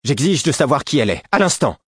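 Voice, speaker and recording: A man's voice: sits low, lively intonation, fairly quick, husky, dry recording, studio quality. A man voicing a furious, imperious young prince who commands sharply.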